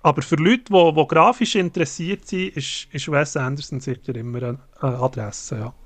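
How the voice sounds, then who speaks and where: A man talks films in a casual podcast chat, stopping and restarting often. His voice sits a little high, and the recording is dry and close. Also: no echo. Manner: halting, many fillers and restarts. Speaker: podcast co-host. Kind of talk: casual film review chat.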